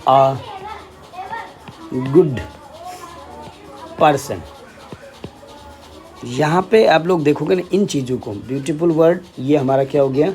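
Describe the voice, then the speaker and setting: A man's voice: a little high, lively intonation, a little fast, few pauses, darkish tone, soft background music. A man teaching an English grammar lesson in Hindi, explaining step by step and often checking with "ठीक है".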